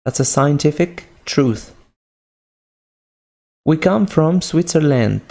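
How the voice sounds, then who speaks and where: A Moroccan-accented man teaching an English grammar lesson at a slow, deliberate pace. His voice is dark and mellow with a gravelly edge, and he patiently repeats each point through simple example sentences. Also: a little high, animated.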